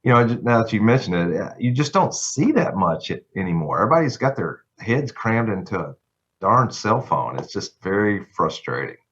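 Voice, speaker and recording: A man's voice: on the low side, very animated, moderate pace. A middle-aged man from Tennessee with a Southern accent, a guest on a podcast telling folksy stories about growing up. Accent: Southern American. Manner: folksy, warm storytelling with laughs. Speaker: guest lawyer. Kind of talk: casual podcast interview. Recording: somewhat dull lo-fi sound.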